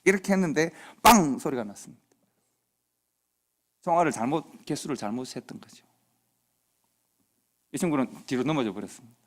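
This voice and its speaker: A man's voice: on the high side, expressive, normal speed, pauses often. A middle-aged man preaching in a church, telling a personal story in a conversational way and acting out the dialogue. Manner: conversational anecdote with quoted dialogue. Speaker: pastor. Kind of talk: sermon storytelling. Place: church sanctuary.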